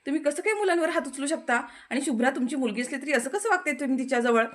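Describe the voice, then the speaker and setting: Woman doing a caring teacher lady, earnest and protective, higher pitched. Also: expressive, rapid-fire. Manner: earnest, pleading, indignant.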